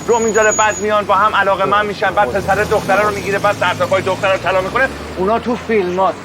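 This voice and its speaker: A man's voice: high voice, level tone, a crowd in the background, noisy background, lightly acted. An actor playing a blunt cynical man. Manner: argumentative, blunt. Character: cynical street-smart man, blunt and defiant.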